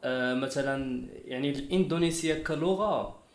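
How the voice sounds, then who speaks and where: A man with a Moroccan Arabic accent, hosting an interview in casual chat and explaining his questions at length. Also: medium pitch. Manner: rapid, talks in long explaining runs. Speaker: interview host. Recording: echoey room.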